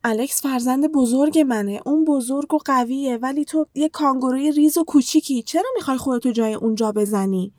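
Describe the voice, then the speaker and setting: A doubtful, firm mother kangaroo in a children's tale, voiced by a woman. She sounds fairly high and brisk, with a dry, close sound. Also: a little mellow, no echo, close to an everyday voice. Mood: scolding.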